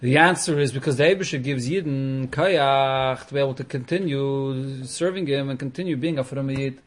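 A man's voice: mid-range voice, normal speed. A man explaining religious texts in an informal lesson, posing questions and answering them as he goes. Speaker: teacher of a Talmud class.

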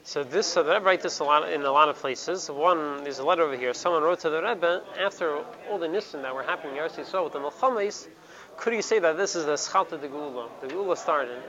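A man with a slightly high, pushed and bright voice moves fast through a Torah lesson, stopping to repeat words and mixing in Hebrew. This Talmudic study clip is dull and lo-fi, with a crowd heard behind him.

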